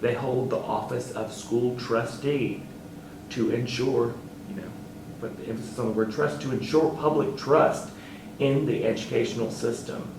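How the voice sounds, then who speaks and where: A man who sits on a school board, answering interview questions earnestly and haltingly, with fillers, and turning emphatic. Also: medium pitch, steady tone, reverberant, distant mic, background noise.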